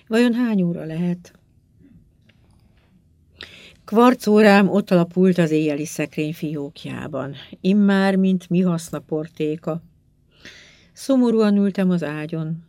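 A woman reading a first-person story aloud in a calm, measured, subdued way. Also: fairly low pitch, no room sound. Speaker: audiobook reader. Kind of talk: first-person audiobook narration.

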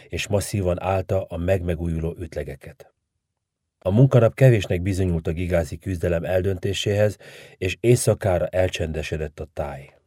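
A man narrating a literary story in a measured, dramatic reading manner. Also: deep voice, warm tone, no echo, clean studio sound.

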